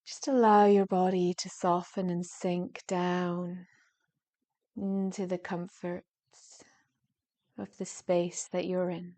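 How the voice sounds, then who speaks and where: Leading a guided yoga nidra relaxation, a woman with a lowish voice and little pitch movement speaks in a gentle, soothing manner. She lets long pauses fall between soft phrases that trail off breathily.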